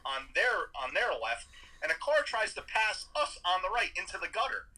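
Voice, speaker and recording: Man with a bright, forceful voice. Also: sits high, normal speed, poor audio. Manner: animated, profane storytelling. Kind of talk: casual chat.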